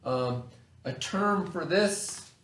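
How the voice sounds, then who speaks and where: Speaking very slowly in an expressive, slightly high and a bit bright voice, a middle-aged elementary school teacher gives children a remote read-aloud vocabulary lesson indoors in a classroom. He explains simply, repeats key terms, and checks with short tags, with slight background noise audible.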